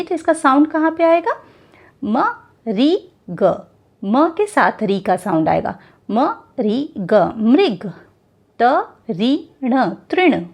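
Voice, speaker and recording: Female teacher, slightly high voice, unhurried, sounds out each letter then the full word. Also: darkish tone. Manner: spells out syllables slowly, then says the whole word. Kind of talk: Hindi grammar lesson.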